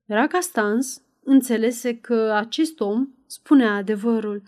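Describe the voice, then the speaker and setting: Woman storyteller, audiobook narration, fairly high voice, measured pace. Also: a little mellow. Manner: measured storytelling, raises voice for dialogue.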